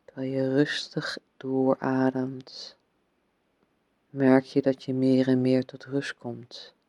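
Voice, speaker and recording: A man leading a guided meditation in a soft, soothing voice, with gentle instructions and unhurried pauses between phrases. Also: medium pitch, monotone, no echo.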